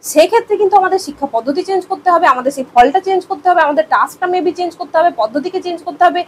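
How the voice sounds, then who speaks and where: A woman's voice: very high voice, lively intonation, very fast, a little hiss or hum, low-quality recording. A young woman in her twenties giving an exam-prep lecture, explaining with everyday examples and rhetorical questions and mixing in English terms. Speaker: teacher.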